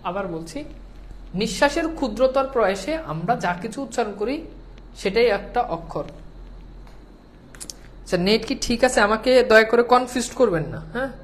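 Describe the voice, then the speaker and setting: A woman's voice: fairly high pitch, animated, normal speed, pauses often, slight background noise. A woman with a Bangladeshi Bengali accent teaching an online class, patient, repeating points and often checking whether students follow.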